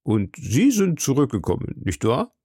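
A man's voice: medium pitch, huge pitch swings, moderate pace, warm tone, slightly rough, no echo, clean studio sound, full character voice. A man reading an audiobook who voices a timid, fretful middle-aged shopkeeper with a nervous, fawning manner. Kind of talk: audiobook character voice.

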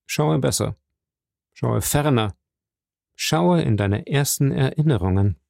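A man voicing a stern, solemn nobleman who speaks slowly and gravely. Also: mid-range voice, expressive, a little mellow, no room sound, studio quality. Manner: slow, grave, measured.

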